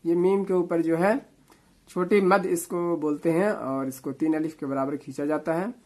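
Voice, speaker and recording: A man teaching Quran reading, spelling out letters and vowel marks syllable by syllable, with quick explanations. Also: fairly high pitch, fairly even intonation, a little mellow. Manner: slow drawn-out syllable-by-syllable recitation between quick explanations. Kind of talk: spelling-out recitation lesson.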